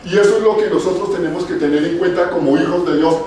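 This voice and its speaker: High-voiced preaching man in an echoey church. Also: fast, darkish tone, distant mic, a little hiss or hum. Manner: preaching, asking the congregation questions and repeating key phrases. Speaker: pastor. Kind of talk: sermon.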